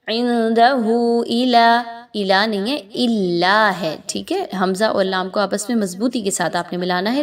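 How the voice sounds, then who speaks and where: Female tajweed teacher, mid-pitched; patient rule explanations, slow chanted word demos. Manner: explains pronunciation rules patiently, then demonstrates words slowly and drawn out.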